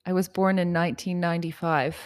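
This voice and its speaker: A woman's voice: fairly low pitch, fairly even intonation, fast talker. A woman in her late thirties co-hosting a podcast in casual chat, playful and exclamatory. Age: 30s. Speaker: podcast co-host.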